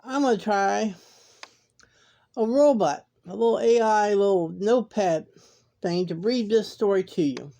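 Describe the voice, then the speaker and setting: A woman's voice: mid-range voice, unhurried, gravelly. A woman hosting a horror story channel, chatting casually to viewers and often starting with "now". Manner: relaxed, chatty, repeats "now".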